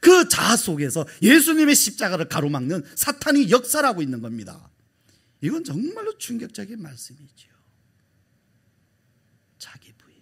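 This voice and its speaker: A middle-aged male pastor preaching a sermon, his voice husky and a little breathy. He sits fairly high for a man and swings widely in pitch, acting out quoted lines and dropping to hushed whispers. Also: huge pitch swings, fairly quick.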